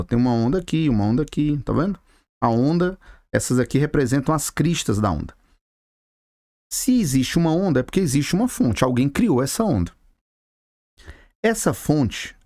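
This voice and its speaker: A man's voice: on the high side, darkish tone, no room sound, studio quality. A Brazilian man teaching a physics video lesson, chatty and talking straight to the viewer with casual slang. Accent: Brazilian Portuguese. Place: classroom with a board.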